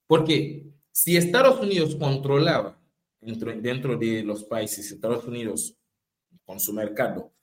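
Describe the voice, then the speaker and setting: A man's voice: mid-range voice, measured pace, poor audio. A man from Haiti speaks as a political activist, emphatic and repeating phrases for rhetorical weight. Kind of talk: impassioned political talk.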